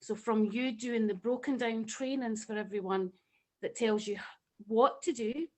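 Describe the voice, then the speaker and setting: A woman's voice: a little high, measured pace, poor audio. A woman with a Scottish accent speaking passionately and emotionally on a video call, sharing a personal testimonial. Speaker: webinar participant.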